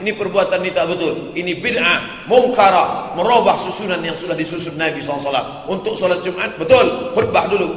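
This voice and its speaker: A man's voice: high-pitched, a bit bright. A man preaching a sermon with emphatic repetition, rhetorical questions and chuckling asides. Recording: echoey hall with long reverb.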